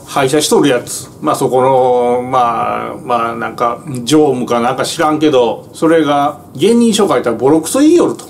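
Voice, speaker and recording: A man's voice: medium pitch, slight background noise. A man with a Kansai accent, a truck driver rambling through a casual monologue to viewers with lots of fillers. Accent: Kansai Japanese. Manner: rambling, filler-heavy storytelling in broad dialect. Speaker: truck driver telling stories.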